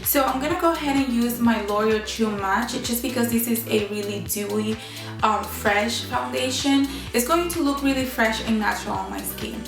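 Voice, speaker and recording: A woman's voice: a little high, normal speed, creaky. A woman vlogger with a bad cold and a honking, nasal, stuffed-up voice, chatting casually through a makeup tutorial. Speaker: beauty vlogger. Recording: roomy echo, music behind. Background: music.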